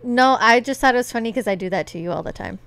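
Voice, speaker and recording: A woman's voice: fairly high pitch, lively intonation, fast, creaky, fairly bright tone, dry recording. A young adult woman hosting a casual podcast, playful and teasing, with lots of filler likes. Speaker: podcast host, daughter.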